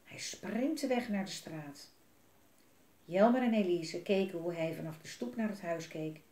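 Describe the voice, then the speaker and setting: A woman reading a children's book aloud in a gentle, expressive way, adding asides for young listeners. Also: on the low side, a little slow. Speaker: storyteller. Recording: roomy echo.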